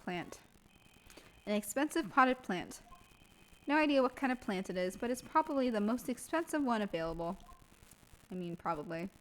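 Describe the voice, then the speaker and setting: A woman's voice: mid-range voice, animated, moderate pace, long pauses, fairly bright tone, lightly acted, rough recording. A woman voicing a young male defense lawyer in her own voice, reading game narration in a dry, wry manner. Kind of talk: reading game dialogue aloud.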